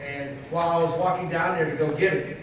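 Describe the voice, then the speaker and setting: Higher-voiced man in an echoey hall. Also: fairly even intonation, fast. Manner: emphatic, keeps checking in with "okay?". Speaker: paranormal investigator presenting evidence. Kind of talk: convention panel talk. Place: convention panel hall. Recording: echoey hall, distant, faint hiss.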